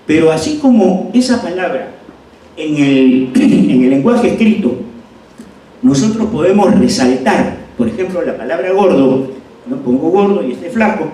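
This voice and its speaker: A man's voice: a little high, lively intonation, measured pace, dark tone. A middle-aged man with a Peruvian accent giving a seminar lecture as an acting teacher, acting out words to demonstrate emphasis. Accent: Peruvian Spanish. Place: lecture hall. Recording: echoey room, voice from far off, faint noise.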